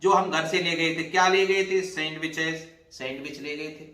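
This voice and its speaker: A man teaching an exam-prep English lesson, explaining slowly and repeating phrases while calling his students brother. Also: on the high side, fairly even intonation, sharp tone, roomy sound, recorded from a distance, rough recording.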